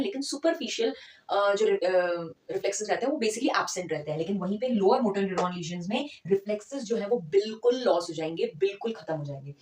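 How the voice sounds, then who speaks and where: Woman lecturer, chatty teaching tone, mid-pitched, recorded a bit off-mic in a roomy space. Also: darkish tone, far from the mic. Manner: conversational teacher, checks in with listeners. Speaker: physiotherapy lecturer. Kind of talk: explanatory lecture, Hindi mixed with English terms. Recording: echoey room, voice from off the mic.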